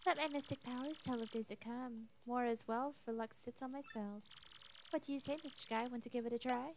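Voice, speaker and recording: A woman's voice: on the high side, steady tone, a little fast, slight background noise, pitched above the performer's own voice, lightly acted. A woman voicing a cheerful female video game fortune teller with sing-song rhyming patter. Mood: welcoming, mystical. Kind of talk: reading game dialogue aloud in character.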